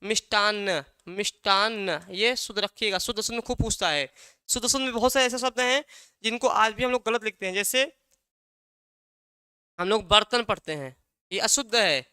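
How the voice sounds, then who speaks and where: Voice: medium pitch, a little fast, pauses often, pushed and bright, clear, resonant tone, no echo, clean studio sound. A teacher giving an exam-prep language lesson, asking a question and then answering it, repeating key words again and again.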